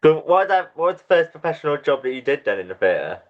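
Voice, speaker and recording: A man hosting a casual interview podcast, cheerful and quick to laugh. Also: a little high, very animated, background noise. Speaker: podcast host. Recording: dull lo-fi sound.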